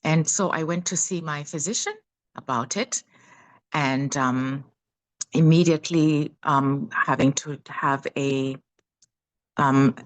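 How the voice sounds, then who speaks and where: A woman in her fifties from Uganda, sharing her personal story on a video call from her phone, pausing often with fillers. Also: sits low, fairly even intonation, rough recording. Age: 50s. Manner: halting, many fillers. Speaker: guest speaker.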